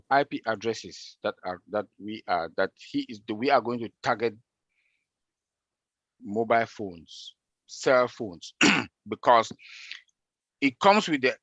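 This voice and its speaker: An excitable man who repeats himself while answering questions in a casual online meeting. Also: medium pitch, dry recording, lo-fi sound. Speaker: presenter answering member questions.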